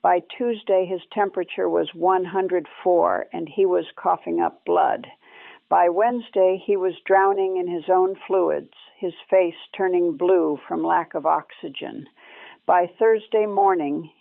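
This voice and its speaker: Somber woman, gravelly voice, sounds like a tinny old radio recording, dry. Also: fairly low pitch, no room sound. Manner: somber, measured storytelling in short clauses. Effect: old lo-fi recording, tinny like archival radio. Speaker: former war nurse recounting memories. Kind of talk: first-person spoken memoir.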